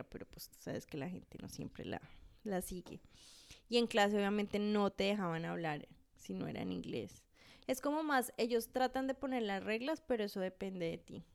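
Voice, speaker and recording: A woman's voice: mid-range voice, vocal fry, clear, resonant tone. A woman hosting a casual conversation, curious and asking follow-up questions.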